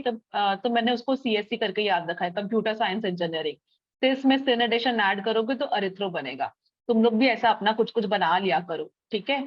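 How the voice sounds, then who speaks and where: Woman teaching chemistry, lo-fi audio. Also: fairly high pitch. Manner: explains step by step, checks understanding with frequent tag questions. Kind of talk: online classroom lecture.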